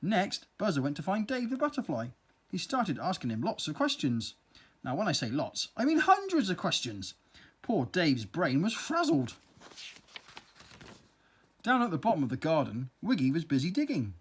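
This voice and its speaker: Expressive storyteller, lively slightly husky voice. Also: medium pitch, moderate pace. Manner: playful, expressive read-aloud. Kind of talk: children's story narration.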